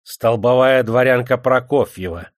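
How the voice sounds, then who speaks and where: A man's voice: medium pitch, a little slow, fairly bright tone, dry recording, studio quality, close to an everyday voice. A man voicing a proud, spiteful noble widow who answers with venom. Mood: haughty. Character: haughty, spiteful noble widow, middle-aged.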